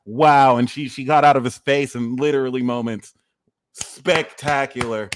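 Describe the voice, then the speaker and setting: A man's voice: mid-range voice, steady tone, moderate pace, no echo. A man from New Jersey giving a casual, rambling astrology talk, prone to tangents and repeating his phrases. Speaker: astrologer and reader.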